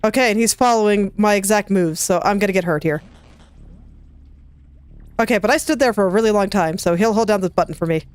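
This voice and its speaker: Recorded with no room sound, a let's play gamer speaks in a clear, resonant mid-range voice. She chats casually through a video game, talking to herself as she plays and breaking into quick laughs.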